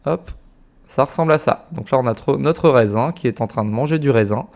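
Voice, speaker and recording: A young man explaining a software automation setup step by step in a casual, informal way, with frequent fillers and slang. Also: mid-range voice, a little fast, vocal fry. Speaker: automation tutorial creator. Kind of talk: casual screen-recorded tutorial.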